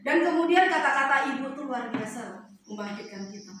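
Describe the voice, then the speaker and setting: A woman's voice: sits high, animated, fairly quick, a bit bright, slight background noise. A woman preacher giving a chatty sermon, telling stories and asking the congregation questions. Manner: chatty, storytelling, asks the audience questions. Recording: echoey hall, mic far off.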